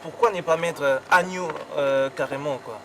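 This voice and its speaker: A man's voice: fairly high pitch, moderate pace. Congolese French man, filmmaker, narrates and interviews in a casual, reflective way, with noise behind him. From Congo-Kinshasa. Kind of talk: casual chat and documentary narration. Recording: audible background noise.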